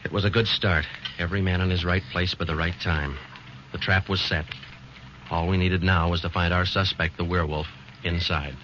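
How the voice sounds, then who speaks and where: On a dull, old broadcast recording, a male actor with a low voice plays a calm, matter-of-fact police sergeant narrating a 1940s radio drama. His delivery is flat and clipped at a normal speed, natural-sounding, with background noise behind it.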